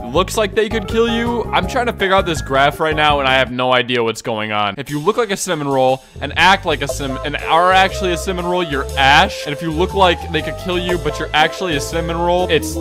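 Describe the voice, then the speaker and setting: Young male commentator, slightly high voice, dry sarcasm, music playing under him. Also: fast talker, few pauses. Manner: sarcastic, mock-serious, breaks into laughter. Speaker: YouTube commentator. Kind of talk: comedic commentary reading posts aloud.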